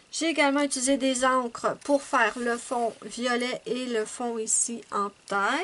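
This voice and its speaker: Woman, high voice, casual chat, fillers and restarts, slight background hiss. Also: a bit bright. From Canada. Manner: chatty, with frequent fillers and restarts. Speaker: coloring channel host. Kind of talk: casual chat showing finished coloring pages.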